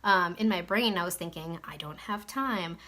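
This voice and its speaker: A woman's voice: lowish voice, normal speed, bright, forceful tone. A young woman giving casual, reassuring advice to camera, chatty and full of fillers. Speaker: network marketing coach.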